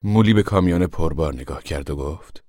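A man reading a novel aloud in calm, measured scripted narration. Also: a bass voice, no echo, studio quality. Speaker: audiobook reader.

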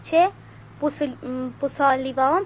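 A woman's voice: high-pitched, fairly even intonation, muffled recording, slight background noise, lightly acted. A woman reading the lines of a blunt male Russian cavalry soldier on the march.

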